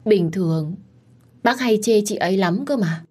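A woman's voice: mid-range voice, animated, unhurried, darkish tone. A woman voicing a whiny, tearful young pregnant woman who accuses and pleads. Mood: whiny, accusing.

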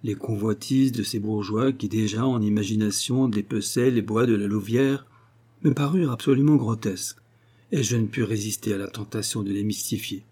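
A man narrates a classic tale with a mellow, warm tone. His delivery is measured and steady, in a scripted reading style. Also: lowish voice, breathy edge. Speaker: audiobook reader.

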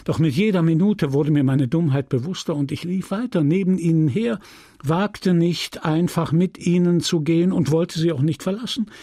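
A man reading the part of a shy, ardent young male clerk, earnest and softly pleading. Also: fairly high pitch, normal speed, no room sound, studio quality, natural voice. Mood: wistful.

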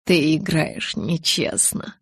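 A woman's voice: deep voice, normal speed, breathy edge, no echo. A woman reading a brooding young vampire lover. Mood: teasing. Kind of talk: audiobook character reading.

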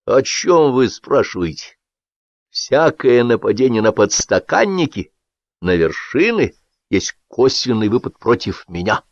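Brief: a domineering male editor who talks down to his staff, raised and lively, read by a man, dull lo-fi audiobook. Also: mid-range voice, a little slow, no room sound, pitched above the performer's own voice. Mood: lecturing. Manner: authoritative, condescending. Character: stern domineering male newspaper boss.

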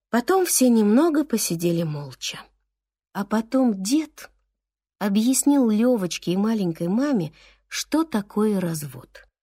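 A woman reading a children's story aloud, expressive and sometimes slow and drawn out. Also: mid-range voice, no echo, studio quality. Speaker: reader.

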